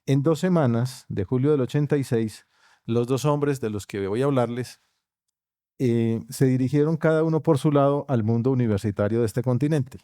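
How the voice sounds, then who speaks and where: A man from Colombia with a Colombian accent, giving an academic lecture at a university conference, measured in delivery and dropping into quiet asides. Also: medium pitch, dry recording, clean studio sound. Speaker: conference speaker. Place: university auditorium.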